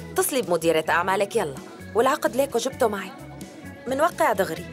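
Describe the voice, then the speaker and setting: A woman's voice: medium pitch, lightly acted. An actress playing a scheming, mocking businesswoman who makes smug threats, in a dubbed TV drama with a Syrian Levantine accent. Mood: smug pressure. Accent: Levantine Arabic, Syrian. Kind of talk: dubbed television drama dialogue. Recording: music behind the voice.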